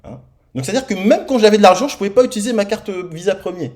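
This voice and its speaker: A man preaching in church, telling his own testimony in a lively storytelling manner and acting out the dialogue. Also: sits high, fast. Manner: lively storytelling, acts out dialogue, many repeated starts. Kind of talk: sermon testimony. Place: church hall.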